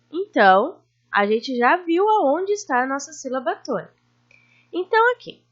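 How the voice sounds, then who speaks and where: A Brazilian woman teacher giving a recorded lesson to children, drawing out syllables slowly and checking in with her pupils. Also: sits high, dull audio. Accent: Brazilian Portuguese. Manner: slow, drawn-out stressing of syllables; warm teacherly questions to pupils.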